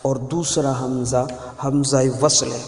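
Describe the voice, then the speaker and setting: A man's voice: mid-range voice, level tone. A man giving a spoken grammar lesson as a teacher, patiently repeating key points for emphasis. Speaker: Arabic teacher. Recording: echoey room with long reverb.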